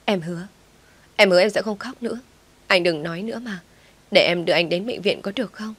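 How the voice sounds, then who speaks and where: A woman's voice: medium pitch, a little fast, husky, dry recording, close to an everyday voice. Woman narrator doing a desperate young woman, sobbing and pleading.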